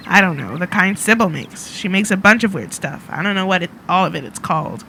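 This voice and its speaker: A woman voicing a grumpy, guarded young woman in a narrative game, talking curtly and dismissively in a lowered voice. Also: expressive, fairly quick, vocal fry, sharp tone, slight background noise, full character voice, poor audio. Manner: curt, dismissive, defensive.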